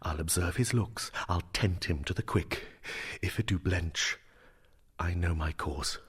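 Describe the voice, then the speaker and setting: A man playing a brooding, grieving young prince in a Shakespearean drama, with a theatrical, emphatic delivery that moves between hushed and declaiming. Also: deep voice, a little slow, slightly rough, exaggerated voice. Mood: calculating. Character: grieving, brooding young prince Hamlet, self-lashing and vengeful.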